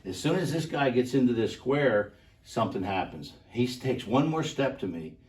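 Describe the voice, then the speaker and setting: A man's voice: medium pitch, expressive, normal speed, a little mellow, far from the mic. An older man co-hosting a show, animatedly telling a self-defense story and demonstrating moves, laughing often. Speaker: co-host, karate instructor.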